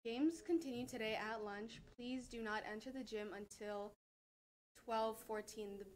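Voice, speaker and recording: A teenage girl reading school announcements in a small school studio, with a steady read and small restarts. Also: a little high, measured pace, slight background noise, poor audio. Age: teens. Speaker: student announcer.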